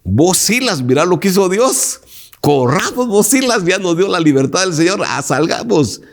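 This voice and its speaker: A man voicing an excited apostle who urgently and eagerly urges his companion to flee, his voice raised. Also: sits high, normal speed, vocal fry, voice pushed up, heavily acted.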